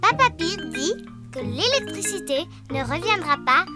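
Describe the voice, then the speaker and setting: A woman's voice: extremely high pitch, very animated, normal speed. A woman voicing Peppa Pig, a cheeky, bossy little girl piglet in a children's cartoon, giggling as she talks. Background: children's cartoon music.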